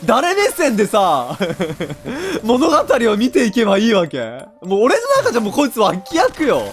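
Young man, game commentator, loud and joking, bouncy swinging pitch, faint music behind. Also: huge pitch swings, normal speed. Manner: loud, joking, often laughing and shouting. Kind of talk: excitable let's-play commentary.

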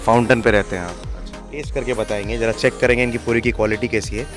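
A young man hosting a casual street food vlog outdoors, asking quick questions and praising the food with enthusiasm. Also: medium pitch, fairly even intonation, over music. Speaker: food vlogger host. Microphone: handheld lapel mic.

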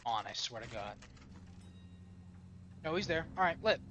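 A man's voice: medium pitch, sing-song, unhurried, pushed and bright, muffled recording, slight background noise. A young man doing casual, slangy, sweary live commentary while streaming a video game. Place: indoors at a gaming chair, headset on.

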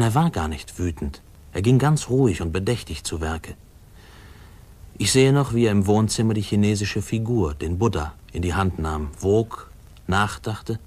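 A grown man with a low, somewhat dark voice looks back on his boyhood. His telling is wistful and reflective, delivered as measured 1950s radio drama narration.

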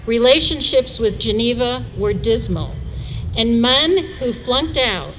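A woman in her sixties from New York City, giving a measured, storytelling convocation address as chair of the trustees. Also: a little high, lively intonation, fairly bright tone, a little hiss or hum, poor audio. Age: 60s. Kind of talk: formal speech.

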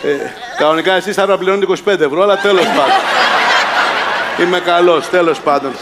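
Laughing man hamming up a game-show host. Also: high voice. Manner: teasing, laughing, bossy scolding. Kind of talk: comic game-show parody among friends. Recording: loud crowd and noise behind.

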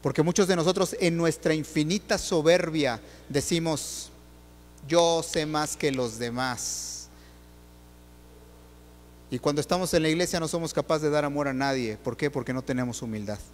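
A man delivers a sermon in a church, pressing the congregation with rhetorical questions. His voice sits a little high for a man, and a long hall reverb trails after each phrase. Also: a little fast, few pauses, a little hiss or hum. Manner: questions the audience directly, rhetorical and animated. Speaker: preacher.

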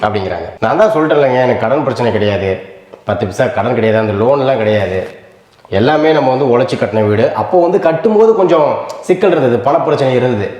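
A man's voice: medium pitch, animated, quick pace, a little mellow, roomy sound. A man, a family vlogger, talking earnestly to his viewers in a casual vlog from a rented home.

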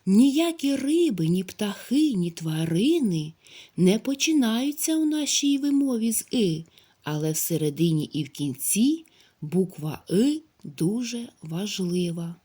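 A woman teacher giving a recorded phonics lesson to young children, speaking slowly and spelling out each sound clearly. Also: mid-range voice, big pitch swings, mellow. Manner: slow, drawn-out, clearly articulated speech for young children. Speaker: primary school teacher.

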